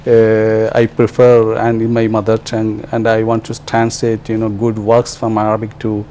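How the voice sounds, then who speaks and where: A translator from Kerala, India, whose first language is Malayalam, answers interview questions in Malayali-accented English, hesitating with many fillers and restarts. His lowish voice is warm, delivered completely flat at a normal speed.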